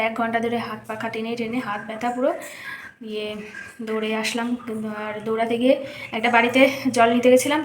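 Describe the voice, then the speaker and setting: Chatty high-voiced young woman. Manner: chatty, rambling commentary on chores. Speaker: vlogger. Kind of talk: casual daily vlog narration. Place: home in a village. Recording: noisy background.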